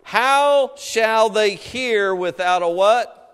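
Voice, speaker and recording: In a high, fairly bright, clean voice, a middle-aged man delivers a very slow sermon to a congregation in a large room, his words ringing through a long hall reverb. He speaks in a folksy, colloquial, exhortatory way, often checking in with questions and amens.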